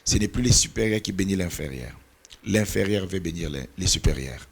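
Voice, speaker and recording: Speaking briskly and with animation, a middle-aged man whose first language is Portuguese delivers a church talk on mentoring as a pastor and mentor. His low, gravelly, slightly rough voice carries an earnest preaching rhythm, and at times he hunts for the right word.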